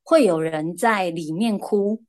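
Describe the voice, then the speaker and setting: A woman, a guest casually telling lively stories. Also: lowish voice, slow. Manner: lively anecdotal, shifting pace. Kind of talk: casual storytelling.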